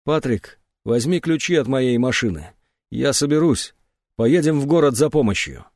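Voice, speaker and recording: A man's voice: medium pitch, animated, moderate pace, a little mellow, no room sound, studio quality. A man reading aloud, voicing a grave male doctor who speaks in a lifeless, distant way. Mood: numb.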